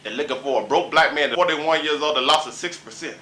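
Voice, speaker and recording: A Dayton, Ohio man in his forties rants comically on a local talk show, rambling and boasting in a small indoor room. His voice sits on the high side, pushed and bright, and he talks a little fast.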